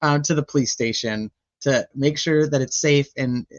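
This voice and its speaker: A woman's voice: extremely low pitch, moderate pace, highs cut off. Chatty woman rambling through a trial recap. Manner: rambling, chatty, with frequent fillers and laughs. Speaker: true crime channel host. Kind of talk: casual trial recap commentary.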